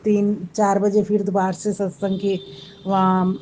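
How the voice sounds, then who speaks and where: A woman's voice: medium pitch, completely flat delivery, measured pace, warm tone, a little hiss or hum. A married woman earnestly tells a personal devotional story to a congregation, often quoting what she said to others. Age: adult, married with children. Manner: earnest storytelling, often quotes her own past words. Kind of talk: spoken devotional testimony.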